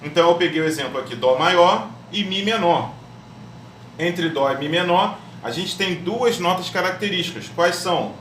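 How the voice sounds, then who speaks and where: A man's voice: sits high, normal speed, fairly bright tone, distant mic. A man teaching a music theory lesson step by step, often checking in with his students. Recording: echoey room, voice off-mic, faint hum.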